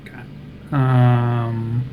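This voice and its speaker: A man with a middling pitch takes part in a tabletop game as a player. He talks casually, and there is clear background noise. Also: completely flat delivery, extremely slow, narrow, tinny audio.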